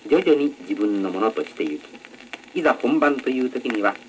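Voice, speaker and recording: Man giving a polite formal lecture, pitch moves around a lot, faint hiss from an old record. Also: expressive, moderate pace, poor audio. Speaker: announcing instructor. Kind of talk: instructional lecture on announcing.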